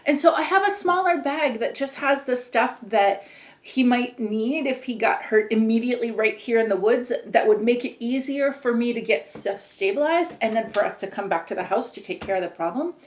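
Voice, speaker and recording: A woman co-hosting a podcast talks in a loose, rambling way, full of "like" and "whatever." Her voice sits a little high. The room is echoey. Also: lively intonation, moderate pace. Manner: chatty, rambling, lots of "like" and "whatever". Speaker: podcast co-host. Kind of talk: casual chat.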